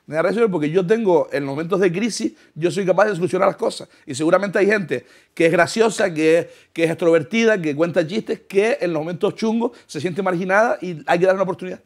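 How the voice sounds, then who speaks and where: A man's voice: high voice, quick pace, hardly any pauses. A young man tells a comic story, acting out voices and laughing as he goes. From Canary Islands. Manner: animated, acts out voices, laughs through lines. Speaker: comedian.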